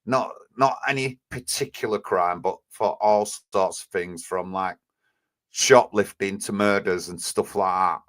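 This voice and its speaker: A man's voice: low-pitched, fairly even intonation, unhurried, fairly bright tone. A man with an Oldham accent hosting a live stream in blunt, rambling, indignant casual chat. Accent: Oldham, Northern English. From Oldham, England.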